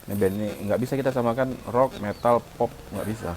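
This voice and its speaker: A man's voice: medium pitch, fast, a little hiss or hum. A man co-hosting a casual chat, explaining at length about mixing music and imitating sounds as he goes. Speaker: co-host, music mixing engineer.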